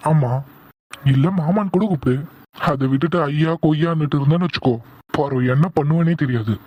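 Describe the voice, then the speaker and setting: Guy doing a young husband in a cartoon, husky, a bit high, bossy teasing but sweet. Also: brisk, darkish tone, lightly acted. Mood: scolding. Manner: teasing, scolding, coaxing. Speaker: voice actor. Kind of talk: cartoon voice acting.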